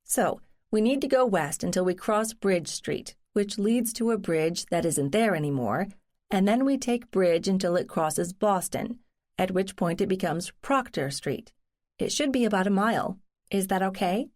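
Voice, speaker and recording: A woman's voice: mid-range voice, animated, moderate pace, darkish tone, lightly acted. A woman, a cozy mystery narrator, voicing an earnest, wry, determined woman in conversational, explanatory audiobook dialogue.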